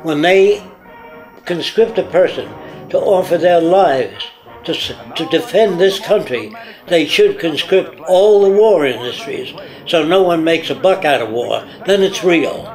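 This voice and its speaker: A man's voice: a little high, expressive, measured pace, a little mellow, faint music behind, rough recording. Emphatic man laying out ideas. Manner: emphatic, declarative, long lists. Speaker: interviewee, project director. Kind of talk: unscripted interview monologue.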